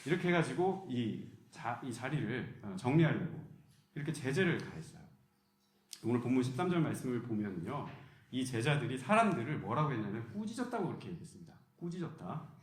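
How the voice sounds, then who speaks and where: A man preaching a sermon as pastor, telling the story in a lively way and acting out the voices he quotes. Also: fairly high pitch. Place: church hall. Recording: roomy church echo.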